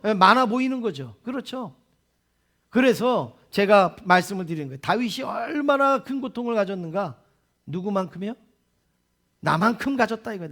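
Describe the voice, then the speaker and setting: A man's voice: high voice, fairly bright tone. A man preaching a sermon as pastor in a church, stressing his points and putting rhetorical questions to the congregation. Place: church sanctuary.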